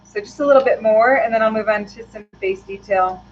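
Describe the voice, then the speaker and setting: A woman hosting a live painting tutorial, thinking aloud in a relaxed, chatty way with frequent ums and answering viewer questions. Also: medium pitch, a little fast, lo-fi sound, slight background noise. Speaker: custom lure painter hosting a live stream.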